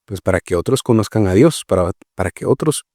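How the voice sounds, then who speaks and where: Fairly low and darkish in tone, with lively intonation, this Guatemalan man's voice comes through in a studio-quality recording without room sound. As a missionary guest in a conversational interview, he explains his work slowly and reflectively, full of fillers and "¿verdad?"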